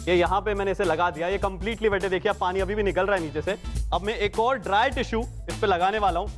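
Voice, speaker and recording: A man presenting an infomercial, explaining and urging as he pitches a product. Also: fairly even intonation, fast talker, soft background music.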